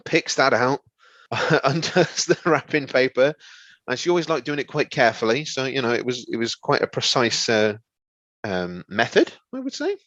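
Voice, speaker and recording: A man's voice: medium pitch, very animated, normal speed, a bit bright, no echo. A man co-hosting a comedy podcast, telling a rambling story and stumbling over words. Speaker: podcast co-host. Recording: slightly dull, lo-fi.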